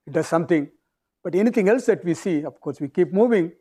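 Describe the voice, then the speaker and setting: A man with a South Indian accent giving an academic physics lecture in halting phrases with pauses. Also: high voice, lively intonation, mellow.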